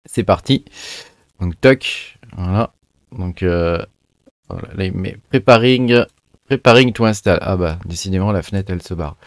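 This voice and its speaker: A man's voice: sits low, unhurried, dry recording, studio quality. A man hosting a casual screen-recorded tech tutorial, loose and chatty, with lots of fillers and slangy asides.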